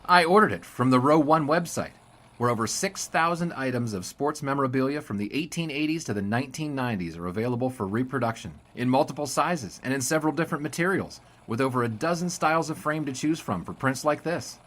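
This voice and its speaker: A man voicing a smooth-talking 1920s sportswriter with suave, salesy charm. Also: medium pitch, animated, quick pace, a bit bright, close to an everyday voice. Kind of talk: 1940s radio acting.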